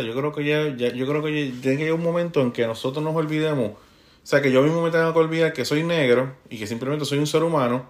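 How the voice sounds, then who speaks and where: Puerto Rican man, chatty teacher. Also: on the high side. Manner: frequent tag questions, halting restarts. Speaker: high school Spanish teacher. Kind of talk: casual conversational monologue.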